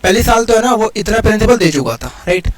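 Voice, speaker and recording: A man teaching maths in a casual exam-prep lesson, explaining each step aloud and counting digits quickly. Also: high voice, big pitch swings, poor audio. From India.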